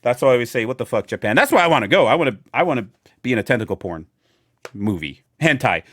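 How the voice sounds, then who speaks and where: A man's voice: medium pitch, big pitch swings, fast talker, fairly bright tone, no echo, clean studio sound. A man hosting a podcast in casual chat, rambling and joking with friends. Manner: rambling, laughing, lots of fillers and jokes. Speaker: podcast host.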